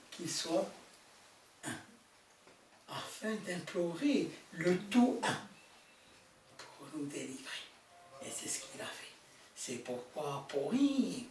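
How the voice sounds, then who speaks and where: A man rabbi teaching a Torah lesson to a live audience, quizzing them with questions and stressing key words. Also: fairly high pitch. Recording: roomy hall from a distant mic, faint noise.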